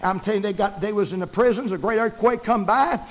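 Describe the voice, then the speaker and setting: A male preacher, delivering a sermon in a shouting, chanting cadence. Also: high-pitched, fast talker.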